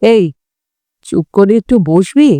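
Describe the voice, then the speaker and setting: A level-headed young man who talks steadily and firmly, as a woman reader puts him on. The voice is a little lower than her own, slow, mellow and smooth. It is recorded close and dry. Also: expressive, no room sound. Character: calm young man, the first-person narrator. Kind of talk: audiobook character voice.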